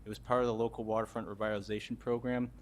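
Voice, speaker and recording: A man, a town landscape architect, presenting a park plan at a public board meeting in a steady way. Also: lowish voice, racing.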